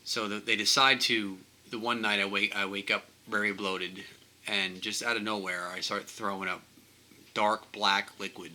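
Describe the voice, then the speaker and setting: A man telling a personal vlog, halting and emotional, often repeating himself as he speaks. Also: lowish voice, bright, forceful tone, rough recording. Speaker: vlogger.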